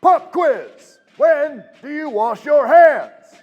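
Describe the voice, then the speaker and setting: An actor playing a strict male army drill sergeant who shouts commands at recruits. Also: very high-pitched, animated, lo-fi sound, exaggerated voice. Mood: commanding. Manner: shouted military commands, drawn-out emphatic delivery. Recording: long reverb with music underneath.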